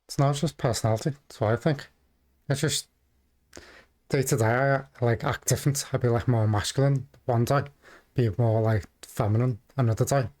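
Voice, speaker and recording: A man giving casual, off-the-cuff commentary as a reaction video host, halting and rambling as he goes. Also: medium pitch, steady tone, a little mellow. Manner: hesitant, halting, rambling delivery.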